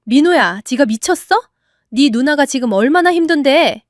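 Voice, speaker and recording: A woman's voice: high voice, moderate pace, no room sound, studio quality, close to an everyday voice. A woman voicing a scornful, domineering older mother-in-law who scolds sharply. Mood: scolding.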